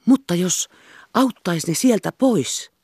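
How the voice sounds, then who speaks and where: A woman's voice: on the low side, expressive, darkish tone, breathy edge, no echo, voice pushed up. Woman doing a schoolboy, eager, daydreaming, hot-tempered, storybook, dry sound.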